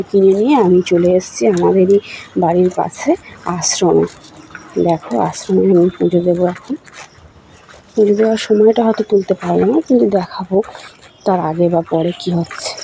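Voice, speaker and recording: A woman talks into a handheld phone as she walks, keeping up a chatty running commentary for her vlog. Her delivery stays level, with little rise and fall. Clear outdoor noise and birdsong sit behind her voice. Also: mid-range voice, dark tone, poor audio. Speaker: lifestyle vlogger. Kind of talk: casual vlog narration. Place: outdoors on streets and at a temple in light rain.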